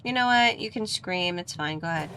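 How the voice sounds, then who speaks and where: A woman's voice: on the low side, lively intonation, a little fast, sharp tone, slight background noise, poor audio. A woman giving casual, playful video game commentary, chatting to the characters as she plays. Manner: playful, talks to the dolls.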